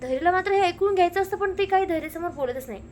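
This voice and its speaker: A woman rapidly retelling a TV serial episode, slipping into the characters' lines as she goes. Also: very high-pitched, a little mellow, a little hiss or hum. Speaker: narrator recapping a TV serial. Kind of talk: fast storytelling recap with acted quotes.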